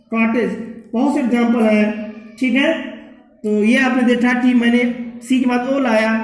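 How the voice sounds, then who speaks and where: A man's voice: very high voice, reverberant, rough recording. A man teaching an English pronunciation lesson, spelling words letter by letter and often checking in with "ठीक है".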